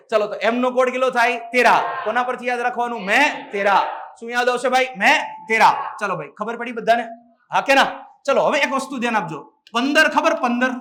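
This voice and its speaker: This male teacher has a very high voice and runs a lively lecture, quizzing the class through call-and-response and calling out to students often.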